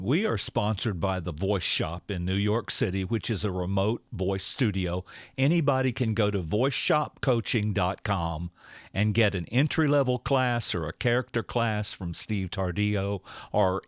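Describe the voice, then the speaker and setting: A man's voice: lowish voice, dry recording, clean studio sound. A man hosting an interview, putting questions to a guest in a conversational way. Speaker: interview host. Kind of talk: interview questioning and sponsor mention.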